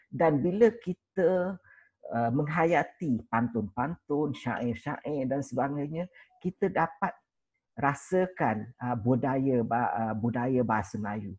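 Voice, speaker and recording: A man from Malaysia, speaking as a panel guest in a discussion and pausing often to search for words. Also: medium pitch, darkish tone, husky, no echo, rough recording.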